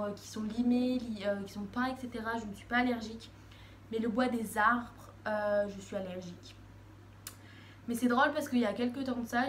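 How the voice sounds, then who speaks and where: A teenage girl vlogs casually into her phone camera, chatty and hesitant, rambling with lots of "um"s and restarts. Her voice is on the high side. The room is echoey, with faint background noise.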